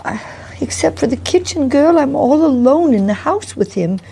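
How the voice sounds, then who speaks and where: A woman's voice: high voice, lively intonation, moderate pace, creaky, mellow. A woman playing a nervous, deferential Victorian landlady in a mystery role-play, with a stammering, frightened manner. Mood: frightened, pleading.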